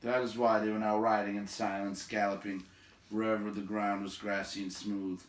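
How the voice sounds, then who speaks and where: A man with a fairly low, level voice reads a storybook aloud at normal speed, hosting the reading and adding casual commentary along the way. The home recording sounds roomy and echoing.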